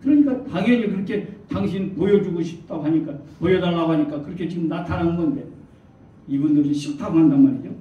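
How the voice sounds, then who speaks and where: A man preaching a sermon as a church elder, throwing rhetorical questions to the congregation and acting out quoted voices. His voice is high and carries through a strongly echoing church hall. The recording is dull and distant, with faint noise behind. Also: dark tone. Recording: echoey hall from far off, dull.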